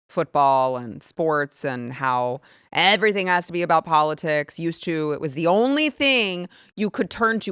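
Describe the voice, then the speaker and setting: A woman's voice: lowish voice, a bit bright, clear, resonant tone, no room sound, studio quality. A woman hosting her own show, giving sarcastic, emphatic and indignant political commentary. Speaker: show host.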